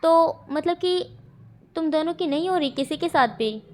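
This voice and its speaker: A woman's voice: sits high, animated, normal speed, darkish tone. A woman voicing amused teasing older women. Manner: teasing, holding back laughter.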